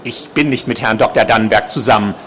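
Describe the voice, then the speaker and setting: A man's voice: mid-range voice, normal speed, slight background noise, natural voice. A firm, frightened nurse, read by a man. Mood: tense firm. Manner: firm, controlled. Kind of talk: author reading from his novel.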